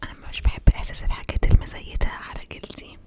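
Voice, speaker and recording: Intimate whispering Egyptian woman, ASMR. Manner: repeats words slowly as soft trigger sounds, mixing in English words.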